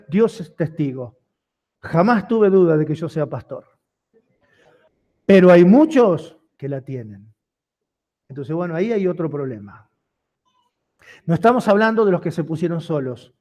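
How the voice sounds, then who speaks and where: Male preacher, high-pitched, sermon full of rhetorical questions. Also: mellow. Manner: preaching with rising intensity and repeated rhetorical questions. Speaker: pastor.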